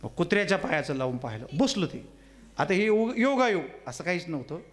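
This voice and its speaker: Man, kirtan preacher, fairly high voice, teasing, lively delivery. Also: fairly quick. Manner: animated, swings between loud exclamations and quiet asides; teasing, asks the audience questions. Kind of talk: devotional kirtan sermon with humorous stories.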